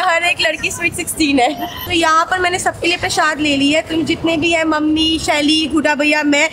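A woman's voice: on the high side, fairly bright tone, low-quality recording. A woman vlogging casually as a mother in a hospital room, chatting and mixing English words into Hindi. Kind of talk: casual vlog chat.

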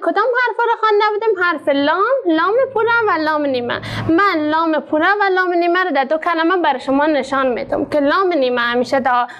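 A woman teacher with an Afghan Dari accent, slowly sounding out words for her pupils and then quickly asking them questions. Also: high voice, fairly bright tone, lo-fi sound, a little hiss or hum. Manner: slow syllable-by-syllable drilling, quick questions to pupils. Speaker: literacy teacher. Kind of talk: classroom lesson.

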